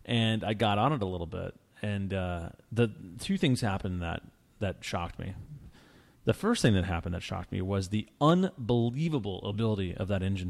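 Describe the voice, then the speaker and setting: A man hosting a casual car talk show, telling stories in a relaxed, rambling way with many restarts. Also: deep voice, vocal fry. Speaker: podcast host.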